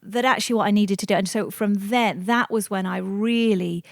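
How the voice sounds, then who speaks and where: A woman's voice: medium pitch, steady tone, normal speed, gravelly, dry recording, studio quality. A middle-aged woman, co-hosting a podcast in casual, reflective conversation. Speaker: podcast co-host.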